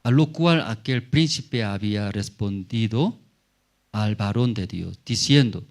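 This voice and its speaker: A man's voice: fairly low pitch, lively intonation, measured pace. A man preaching a Sunday sermon as pastor, in simple broken phrases full of rhetorical questions and short acted-out lines. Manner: often acts out Bible characters in a raised voice.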